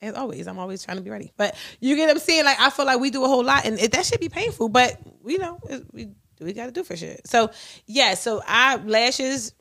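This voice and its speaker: Blunt, animated young woman podcaster. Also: a little high, quick pace, creaky. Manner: blunt, profane, animated storytelling. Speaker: podcast co-host. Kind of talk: casual chat.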